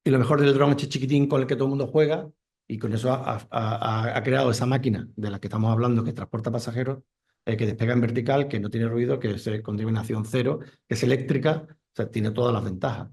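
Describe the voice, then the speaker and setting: A man's voice: medium pitch, fairly even intonation, quick pace, vocal fry, a little mellow. A man who is a commercial airline pilot, speaking with enthusiasm at a conference talk and explaining with examples. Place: lecture room.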